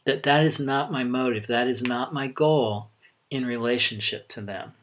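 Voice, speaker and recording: A middle-aged man giving a sermon as a pastor, speaking conversationally with frequent halting pauses. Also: medium pitch, a bit bright, slight background noise.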